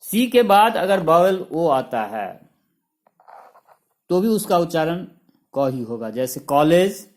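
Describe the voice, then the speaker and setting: A man's voice: fairly high pitch, slow pace, pauses often. A man teaching a lesson, listing example words one by one and spelling some of them out letter by letter. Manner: lists examples in a steady rhythm. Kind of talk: classroom-style lesson explanation.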